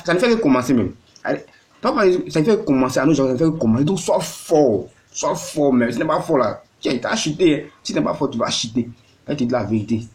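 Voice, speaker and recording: A man talks to camera in his own vlog, voice sitting in a middle register. He hammers the same words again and again, pushing up in bursts and then sinking back low. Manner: repetitive, exhorting, rising and falling in bursts. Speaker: fan video host. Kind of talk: impassioned vlog monologue addressing a grieving friend.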